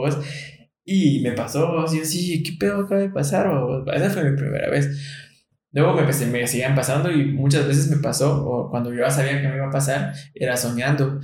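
A man telling a personal story in casual chat, animated, laughing often and checking that his listener follows. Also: mid-range voice. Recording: very echoey room.

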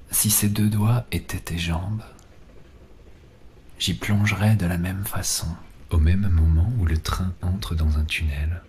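A man playing a seductive, ardent lover in an ASMR role-play, murmuring slowly and breathily, right in the listener's ear. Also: deep voice, slight background noise. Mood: seductive, hushed. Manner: slow, intimate, breathy murmur close to the ear. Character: seductive male lover on a night train, intimate and ardent. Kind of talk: ASMR role-play, erotic audio narration.

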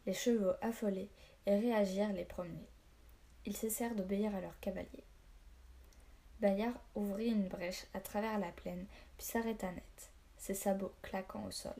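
A woman reads an adventure novel aloud with a mellow, warm tone at a middle pitch. Her delivery is steady and storytelling, with small slips she goes back to correct. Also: moderate pace. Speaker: narrator.

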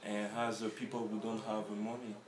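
A man who grew up in France, a guest in a casual interview, talking haltingly and searching for his words. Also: fairly low pitch, level tone, crowd noise. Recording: roomy echo.

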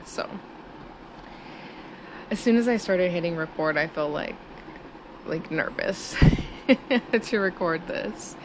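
A woman in her thirties hosting a casual solo podcast, chatty and giggling nervously, recorded in low-quality audio in a small studio on a busy street. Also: slow, pauses often. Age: 30s. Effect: low-quality audio with street noise. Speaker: podcast host. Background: traffic and air-conditioner hum.

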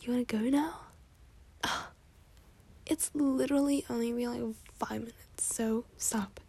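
High, breathy whispering young woman. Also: fairly even intonation, a little slow, dark tone, no room sound. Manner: whispering, heavy "like" fillers, catty. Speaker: roleplayer addressing the listener. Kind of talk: whispered ASMR roleplay.

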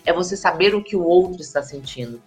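A woman, giving a lively, emphatic talk on communication and speaking straight to her audience. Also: lowish voice, quick pace, soft background music. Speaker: communication and body language trainer. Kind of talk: expressive presentation lecture. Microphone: camera with slides, hands in frame.

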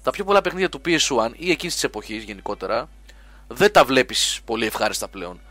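A man co-hosting a casual podcast about video games, explaining at length with plenty of quick repeated yeses. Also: mid-range voice, very animated, bright, forceful tone, dry recording. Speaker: gaming podcast co-host.

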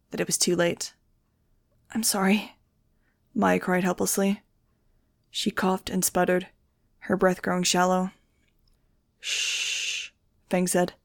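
Gravelly woman reading an audiobook. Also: lowish voice, a little mellow, dry recording, studio quality. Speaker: audiobook reader. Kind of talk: fan-fiction audiobook narration.

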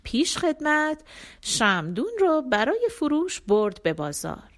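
A woman narrates a children's folk tale in a bright, fairly high voice. Her tone swings widely and expressively from line to line. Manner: expressive, animated. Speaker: storyteller.

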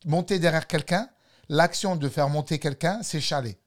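A man's voice: on the high side, moderate pace. Man, Toulouse accent, playful slang teacher in casual talk. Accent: Toulouse French. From Toulouse, France. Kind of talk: casual chat.

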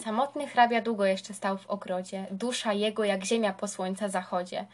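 A woman reading a verse epic aloud as scripted narration, in a measured, rhythmic recitation. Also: medium pitch, fairly even intonation. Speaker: reader.

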